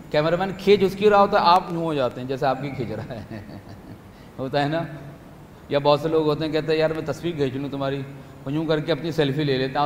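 Guy preaching in a big echoey hall, kinda high voice, gets loud then goes soft, asks the crowd stuff. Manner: animated, rising to loud calls then dropping to soft; plays out little scenes and asks the audience questions. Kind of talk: religious talk to young people at a retreat. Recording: echoey hall with faint room noise.

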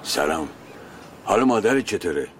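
A middle-aged husband and father who is determined to make things right with his estranged wife. His voice is low and full of rise and fall, with faint ambience behind it. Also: a little hiss or hum. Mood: earnest. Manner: earnest, calm, firm.

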